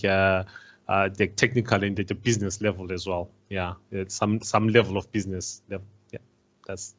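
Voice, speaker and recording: A man from Zimbabwe on a career panel, speaking haltingly with many pauses and fillers. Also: fairly low pitch, a bit bright. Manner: halting, many ums and uhs. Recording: dull lo-fi video call.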